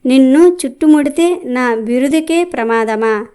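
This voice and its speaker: A woman's voice: high-pitched, a little slow, dark tone, clear, resonant tone. Woman playing an angry wind god. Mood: threatening. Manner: threatening, scornful.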